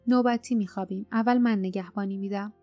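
A woman's voice: mid-range voice, steady tone, warm tone, no room sound, lightly acted. A woman voicing a protective grown man who speaks firmly and bluntly to reassure his companions. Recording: dry close mic, faint music underneath.

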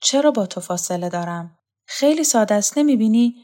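A woman's voice: fairly high pitch, expressive, dark tone, lightly acted. A woman reading as a weary lonely actress. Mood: brooding.

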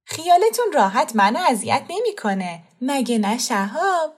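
A female narrator puts on a bright, sugary young woman who coaxes and persuades. Her pitch sits higher than a plain reading voice, and she talks sweetly to win a child over. This is an audiobook performance. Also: sing-song, breathy edge, full character voice. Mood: coaxing. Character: young woman, cheerful and coaxing.

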